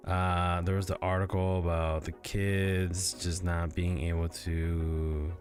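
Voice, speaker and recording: A man's voice: low voice, little pitch movement, takes it slowly, darkish tone, soft background music. A sleepy man chatting casually with viewers from his home gaming setup, rambling with lots of fillers. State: sleepy, yawning. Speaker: livestreamer.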